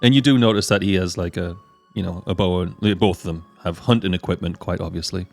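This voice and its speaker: Halting male game master over soft music. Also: low voice, creaky. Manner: halting, informal, meandering. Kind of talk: improvised tabletop game narration.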